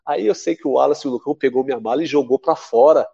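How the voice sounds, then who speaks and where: A Brazilian man in his forties, a guest telling a story in a casual, lively way and acting out what people said. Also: fast, gravelly, husky, dull audio. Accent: Brazilian Portuguese. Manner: lively, acts out quoted voices with big pitch jumps. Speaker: podcast guest, former athlete.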